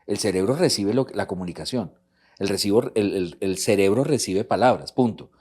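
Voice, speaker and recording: A man's voice: on the low side, moderate pace, darkish tone. A middle-aged man from a church couples ministry, teaching and repeating his key points. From Colombia. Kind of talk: church talk on marriage.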